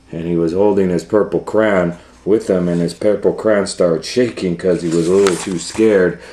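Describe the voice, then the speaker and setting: A man with a low, slightly mellow voice reads a children's storybook aloud as a storytime host. He retells it informally, adding improvised asides and musing hums.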